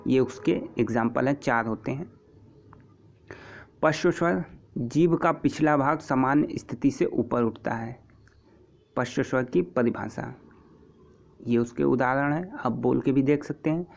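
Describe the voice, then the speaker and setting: A man teaching an exam-prep lesson, patiently repeating terms and example sounds, with frequent throat clearing. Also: mid-range voice, unhurried, long pauses. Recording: dull lo-fi recording.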